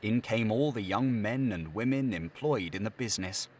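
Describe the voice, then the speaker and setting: A man reading an audiobook with expressive, theatrical narration. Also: fairly low pitch, normal speed, slight background noise. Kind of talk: scripted narration.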